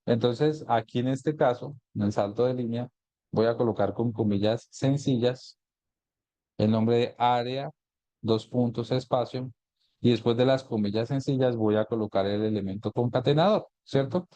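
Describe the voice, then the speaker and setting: Male instructor in a live online lesson, mellow tone, patient step-by-step explaining, dry recording. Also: medium pitch, normal speed, no echo. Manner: explains step by step, often asks "¿cierto?". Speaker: GIS instructor. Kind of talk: live online class, screen-share tutorial.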